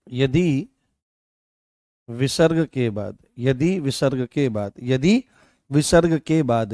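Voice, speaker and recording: A man's voice: on the high side, a little mellow, no echo, studio quality. A man teaching a live online class, repeating key points and asking his students questions.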